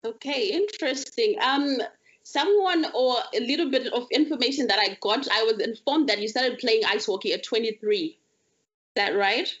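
A woman's voice: a little high, normal speed, fairly bright tone, dull audio. A woman hosting a podcast, introducing and questioning a guest in a conversational way. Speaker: podcast host. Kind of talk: conversational interviewing.

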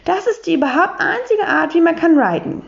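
A woman's voice: very high voice, lively intonation, fairly quick, gravelly, pitched above the performer's own voice, exaggerated voice. A woman voicing a prim, eccentric English lady who speaks German with an English accent and broken word order. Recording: dull lo-fi recording.

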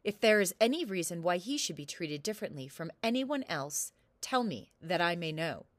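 A woman's voice: on the low side, expressive, a little slow, dry recording. A woman reading a storybook, voicing a stern, angry king who commands and roars. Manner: commanding, roaring.

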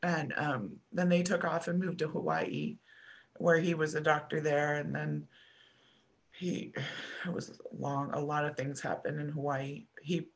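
Husky middle-aged woman telling her story. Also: low voice, flat delivery, lo-fi sound. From United States. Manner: halting, with frequent restarts and soft trailing pauses. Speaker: podcast guest. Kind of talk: personal storytelling in a podcast conversation.

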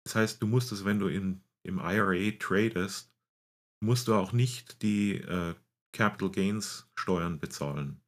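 A man's voice: low voice, measured pace. A middle-aged man with a Bavarian German accent tinged with American, explaining things casually, often searching for words and slipping into English. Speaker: guest explaining US retirement investing.

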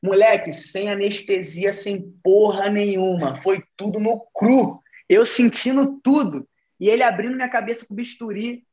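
A man's voice: high voice, moderate pace, hardly any pauses. Profane young man. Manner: profane, animated, slangy storytelling. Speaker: podcast storyteller. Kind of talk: casual chat, telling an anecdote.

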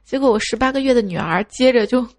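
Bright-voiced woman telling funny kid stories. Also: on the high side, fast talker, no room sound, clean studio sound. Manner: playful, slips into childlike voices for kids' lines. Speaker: host reading funny stories. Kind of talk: radio-style comic storytelling.

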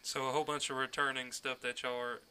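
A man's voice: medium pitch, level tone, fast talker, a crowd in the background. A man hosting a casual podcast, easygoing as he chats and plugs the show. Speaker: podcast host.

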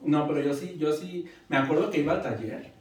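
A man's voice: on the high side, a little fast, recorded from a distance, a little hiss or hum. A man hosting a casual talk show, joking and bantering in a campy, playful way. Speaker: host. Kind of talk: casual chat. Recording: roomy echo, away from mic, crowd behind.

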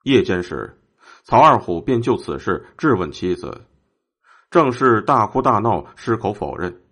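Low-voiced man telling history. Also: big pitch swings, a little slow, a bit bright, slightly rough. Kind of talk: scripted history storytelling.

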